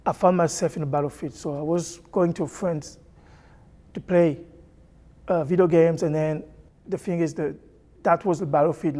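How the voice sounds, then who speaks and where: Young guy from congo, halting church testimony, lots of restarts, warm mellow voice. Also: fairly high pitch. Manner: hesitant, halting, with many restarts. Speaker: church member sharing testimony. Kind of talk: personal testimony.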